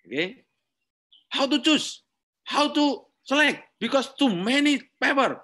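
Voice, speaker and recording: This time the Indonesian-accented lecturer sounds very high and bright, with lively intonation. Running a webinar tutorial with a screen-share demo, he keeps his English simple and non-native, going slowly, repeating himself, and punctuating with "okay."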